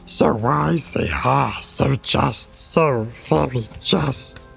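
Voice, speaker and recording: Creaky whimpering little creature, wild pitch swings, drags every word out. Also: female voice, extremely slow, faint music behind, full character voice. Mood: whining. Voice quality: creaky, hissing whisper. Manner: whimpering, wildly swooping pitch. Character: wretched hungry creature, fawning and fearful. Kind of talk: audiobook character voice.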